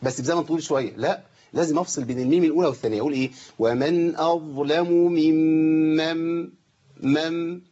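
A man's voice: a little high, very fast, warm tone, slightly rough, lo-fi sound. A man with an Egyptian accent teaching Quran recitation on a live show, stretching out demonstration phrases and quizzing his students. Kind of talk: live TV recitation lesson with call-ins.

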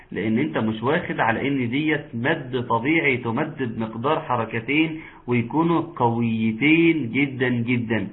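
Egyptian guy teaching quran recitation online, patient, mid pitch, sounds like a phone call. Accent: Egyptian Arabic. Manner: explains patiently, then chants verses slowly. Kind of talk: online tajweed lesson. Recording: tinny phone-like line.

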